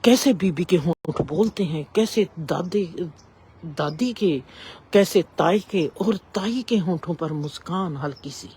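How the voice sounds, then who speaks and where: A woman telling a reflective spiritual story in a slow, measured way with long pauses. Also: lowish voice, expressive, warm tone, slightly rough.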